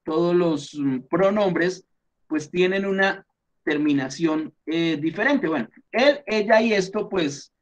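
Male teacher, Colombian accent, higher voice, patient explainer who keeps checking in. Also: slow pace. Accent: Colombian Spanish. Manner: patient step-by-step explaining, frequent fillers and check-ins. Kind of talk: explaining a class lesson.

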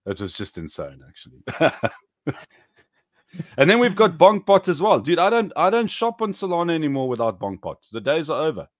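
A man in his thirties co-hosting a casual crypto chat on a video call, animated and emphatic, swearing casually. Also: on the high side, normal speed, no room sound, studio quality. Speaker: co-host. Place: home room. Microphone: webcam video call.

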